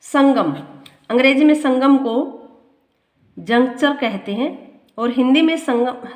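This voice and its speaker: A woman teaching a grammar lesson. She reads from her notes and often repeats a line slowly to explain it. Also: high voice, a little mellow. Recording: echoey room.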